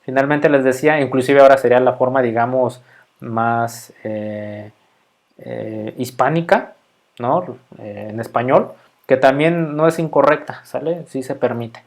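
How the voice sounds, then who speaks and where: A man's voice: mid-range voice, a little slow. Mexican male lecturer, middle-aged, conversational and filler-heavy, keeps checking in with the class. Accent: Mexican Spanish. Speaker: university microbiology lecturer. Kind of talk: casual recorded lecture.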